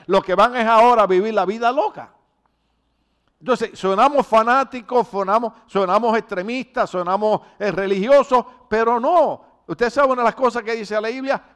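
Animated pastor, slightly high voice. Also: male voice, smooth. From Puerto Rico. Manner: animated, rambling storytelling with rhetorical questions. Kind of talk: conversational sermon.

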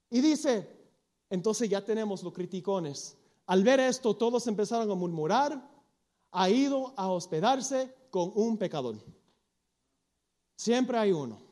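A man with a notably high voice delivers a sermon. He tells the story with energy, acts out what the characters say, and drops English phrases into his talk. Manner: animated storytelling, acting out quoted lines. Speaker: preacher.

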